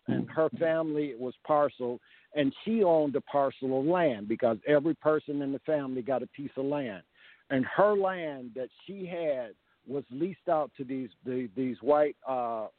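Man on a phone call, tinny line, slightly high voice, rambling history talk with restarts. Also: no echo. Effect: heard over a phone call.

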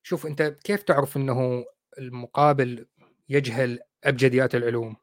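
A man's voice: medium pitch, no room sound, clean studio sound. A man with an Iraqi accent hosting a livestream, rebutting clips in a sarcastic, mocking way. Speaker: host. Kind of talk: livestream commentary.

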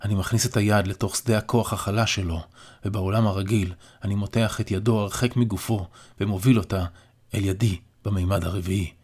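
A man narrating an audiobook in the first person, in a calm, measured way. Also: fairly low pitch, breathy edge.

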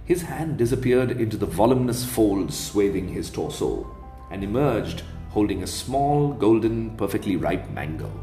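Male novel narrator, lively delivery, roomy recording with faint music. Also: on the low side, moderate pace. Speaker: audiobook narrator. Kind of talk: scripted narration.

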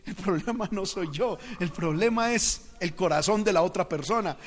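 High bright-voiced man preaching in a hall. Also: moderate pace. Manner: emphatic preaching, acts out quoted voices, calls out "hermano". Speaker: pastor. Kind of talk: sermon. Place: church. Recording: long reverb of a church hall.

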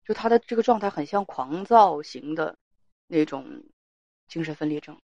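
A woman's voice: deep voice, expressive, normal speed, a little mellow, no echo, lo-fi sound. Firm woman advice host, dry sound. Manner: firm, lecturing with rhetorical questions. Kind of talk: call-in advice talk.

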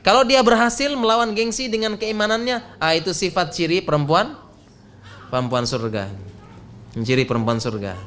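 A man's voice: high voice, moderate pace. A man preaching a conversational sermon at a gathering, joking and quizzing his listeners with questions. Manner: lively, quizzes the audience with questions. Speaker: Islamic preacher.

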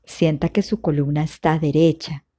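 With a deep voice, a woman leads a guided meditation, speaking as the instructor in a calm, gentle, measured way and pausing long between instructions.

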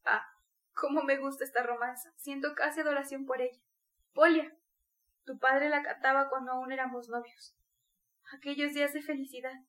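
A woman's voice: high voice, little pitch movement, moderate pace, fairly bright tone. A woman voicing a dying mother in delirium, feverish and torn between pleading and rage, in an audiobook reading. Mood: delirious.

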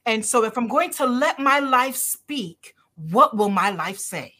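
This podcast guest, a middle-aged doctor from Barbados, talks in an unhurried way with a bright, forceful tone. Her fairly high voice is expressive, and she speaks earnestly and emphatically in the interview, repeating what matters most.

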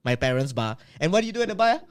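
A man in his twenties telling stories in a casual chat among friends. He is animated and often repeats himself. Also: a little high, racing, clear, resonant tone. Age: 20s.

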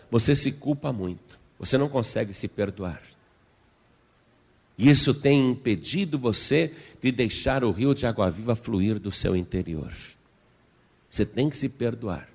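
A man's voice: medium pitch, in a large hall. A male pastor preaching a sermon emphatically and repetitively, with vivid storytelling.

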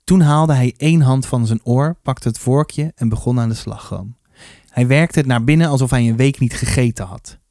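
A man reading a children's book aloud, telling it in a lively first-person voice. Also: mid-range voice, normal speed, no echo, clean studio sound. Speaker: storybook reader.

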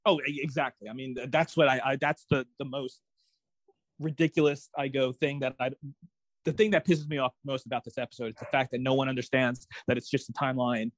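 A man co-hosting a casual TV recap chat, ranting in an animated, exasperated way with many restarts. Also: medium pitch, fairly quick, no room sound, poor audio.

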